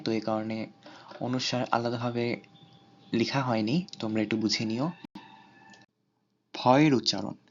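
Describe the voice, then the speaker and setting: A man talks through an online grammar lesson. He is measured and explanatory, and he pauses between terms. His voice sits at an everyday middle pitch, and the recording sounds a little dull. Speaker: teacher.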